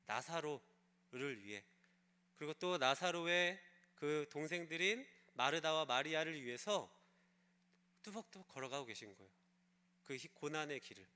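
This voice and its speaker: A man's voice: on the high side, animated, normal speed, long pauses, sharp tone, smooth. A male pastor preaching a sermon, telling a story and putting questions to the congregation. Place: church service.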